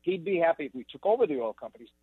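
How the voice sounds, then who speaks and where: Brief: man guest analyst, fast exasperated talk, tinny phone-like remote line. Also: a little high, breathy edge, no echo. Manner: exasperated, animated. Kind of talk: remote TV interview.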